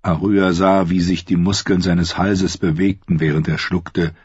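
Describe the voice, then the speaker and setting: Husky low-voiced male audiobook narrator. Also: no room sound. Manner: measured, even storytelling. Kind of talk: scripted fiction narration. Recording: dull, lo-fi, dry.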